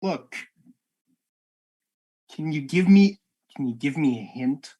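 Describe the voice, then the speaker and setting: A man's voice: on the high side, expressive, slow pace, dark tone, breathy edge. A man playing casually in character in a tabletop game, sarcastic and sweary. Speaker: player.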